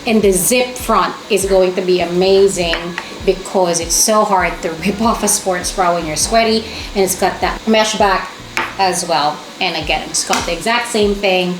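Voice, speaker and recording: A woman's voice: mid-range voice, background noise. A woman vlogger chatting casually and enthusiastically to camera as she shows things off in a shopping haul. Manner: chatty, enthusiastic, exclaiming over items. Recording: echoey room with music underneath.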